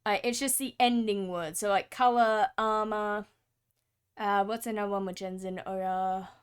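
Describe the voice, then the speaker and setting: A woman's voice: mid-range voice, fairly even intonation, moderate pace, clear, resonant tone. A young Australian woman with an Australian accent, chatting casually and rambling on with lots of fillers while she draws on stream. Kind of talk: casual chat while drawing.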